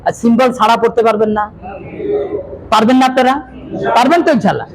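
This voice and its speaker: A man's voice: extremely high pitch, fast, a crowd in the background, poor audio. A man teaching a Quran recitation class, drilling his students in call-and-response and often raising his voice. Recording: loud class and room noise.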